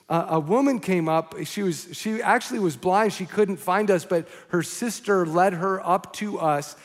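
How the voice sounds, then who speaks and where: A man preaching a sermon from a church stage, telling a story in an animated, rambling way, with many fillers and restarts. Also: high-pitched, big-room sound. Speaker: pastor.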